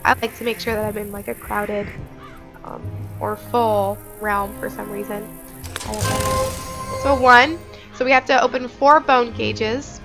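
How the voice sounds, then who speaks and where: A woman's voice: mid-range voice, steady tone, measured pace, gravelly, over music, low-quality recording. A woman hosting a casual game walkthrough on a headset mic, chatty and informal, thinking aloud as she goes. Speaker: gaming video host.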